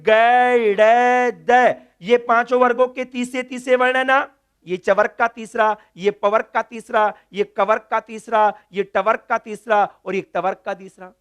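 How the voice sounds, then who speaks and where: A man's voice: very high voice, steady tone, normal speed, fairly bright tone, clear, resonant tone. A man teaching Sanskrit grammar in a classroom lecture, drilling letters one by one and answering his own questions.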